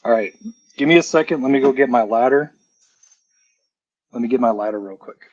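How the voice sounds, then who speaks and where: A middle-pitched man with a brisk, darkish voice rambles through a casual live stream showing his die-cast model car collection, chatty, full of fillers, trailing off and correcting himself. His headphone mic makes him sound hollow, dull and muffled, as if talking through a tube.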